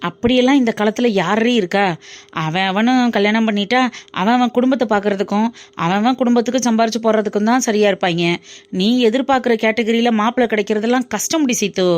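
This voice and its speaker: A woman's voice: fairly high pitch, fast talker, soft background music, close to an everyday voice. A woman voicing Muthu, a young woman's playful, dramatic best friend in a cartoon. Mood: reasoning. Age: young adult. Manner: teasing, dramatic and chatty. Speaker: cartoon character. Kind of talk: cartoon voice acting.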